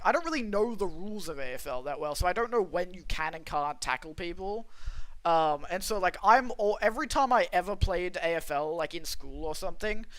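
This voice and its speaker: A young Australian streamer reads his chat and talks casually with viewers, rambling and interrupting himself. His high voice is a bit bright, with no room sound, on a low-quality recording.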